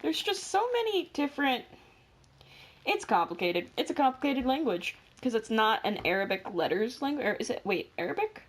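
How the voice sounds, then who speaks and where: Lively, rambling teenage girl. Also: a little high, normal speed. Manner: rambling, self-correcting, jokey. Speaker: podcast co-host. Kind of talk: casual chat.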